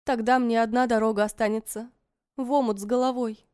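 Smooth-voiced woman narrating a story. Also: a little high, fairly even intonation, brisk, a little mellow, dry recording, studio quality. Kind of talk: first-person story narration.

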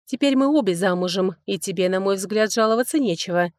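A level-headed elder-sister duchess, voiced by a female audiobook reader, cool and measured, a touch condescending. The voice sits near the reader's own middle pitch, in a dry close recording. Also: expressive, darkish tone, dry recording, natural voice. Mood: composed. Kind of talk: audiobook character voicing.

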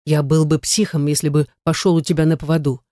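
Brief: cold commanding husband, firm clipped orders, dry close read, voiced by a reader. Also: male voice, fairly high pitch, level tone, fairly quick, warm tone, no room sound, close to an everyday voice. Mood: stern.

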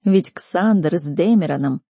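A woman voicing an aloof young male noble student who muses quietly and mockingly in an audiobook reading. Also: lowish voice, measured pace, creaky, husky, no echo, clean studio sound, heavily acted. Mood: amused.

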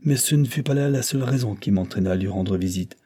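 A man's voice: on the low side, fast, warm tone, close to an everyday voice. A man reading an audiobook plays a stern older aristocrat, the count, who lectures and reproaches in a severe tone. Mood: reproachful.

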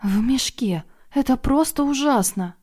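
A woman voicing an indignant, sharp-tongued middle-aged woman who talks loudly and sarcastically. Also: sits high, lively intonation, unhurried, voice pushed up. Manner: loud, exasperated and sarcastic.

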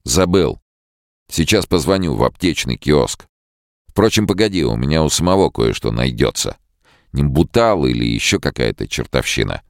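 A man with a very deep, gravelly voice reading the lines of a tense, controlling man in an audiobook, with clipped, urgent commands. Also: big pitch swings, moderate pace, no room sound, studio quality, full character voice. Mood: brisk. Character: tense, controlling man, outwardly calm, menacing.

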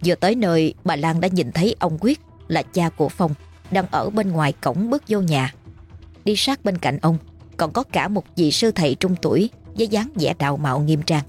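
Heard first is a low, husky woman's voice, reading a ghost story aloud. She narrates at a brisk storytelling pace, with faint music underneath. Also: expressive, darkish tone. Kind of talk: scripted audiobook narration.

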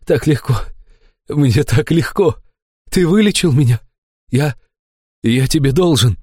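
A man voicing a plump middle-aged businessman, overjoyed and tearful, talking in a high, shouting voice. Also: big pitch swings, moderate pace, dry recording, studio quality. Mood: giddy, tearful.

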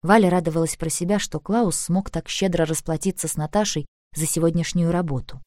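A woman narrating an audiobook in a calm, even reading voice. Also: on the low side, brisk, no room sound, studio quality.

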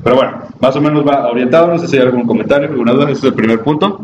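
A Mexican-accented man gives a conversational talk to an audience, often turning to the listeners with questions. He is picked up from some way off in an echoey room. The sound is dull and muffled, with steady noise underneath. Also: mid-range voice, rapid-fire. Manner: chatty, asks the audience questions, acts out quoted people. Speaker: psychologist giving a talk. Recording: distant, dull, noisy, roomy recording.

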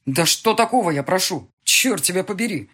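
A woman's voice: sits low, sing-song, moderate pace, slightly rough, exaggerated voice. A woman reading an audiobook and voicing a cold, irritated husband on the phone, curt and dismissive, breaking into anger. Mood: angry. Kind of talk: audiobook character voice.

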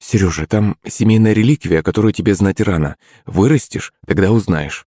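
A man's voice: fairly low pitch, normal speed, warm tone, breathy edge, dry recording, studio quality. A man voicing a nervous, fussy mother in an audiobook. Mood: flustered. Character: flustered mother, fussing and nervous.

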